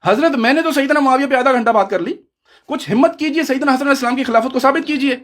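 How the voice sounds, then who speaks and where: Male debater, combative and preachy, talks over the other side in a heated online debate. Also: very high-pitched.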